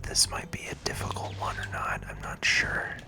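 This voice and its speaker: This is an ASMR gaming host at a moderate pace, breathily whispering calm, encouraging commentary to viewers with the mic held close.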